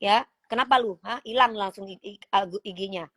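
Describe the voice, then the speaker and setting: A woman's voice: medium pitch, normal speed, a bit bright. A woman, hosting a phone livestream, reading comments aloud and teasing her critics in a sassy, confrontational way. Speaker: livestream host.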